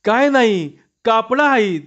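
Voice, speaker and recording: A man's voice: sits high, lively intonation, slow pace. A man voicing a frightened adult village washerman who wails and yelps in pain, on a dull lo-fi recording. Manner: panicky, wailing, yelping in pain.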